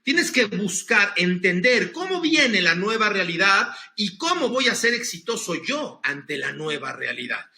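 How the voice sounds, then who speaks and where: Energetic male speaker coaching an audience, high and tense, roomy echo. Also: a little slow, vocal fry, hardly any pauses. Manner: energetic, coaching the audience through breathing exercises. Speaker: motivational speaker. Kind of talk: conference talk on emotions.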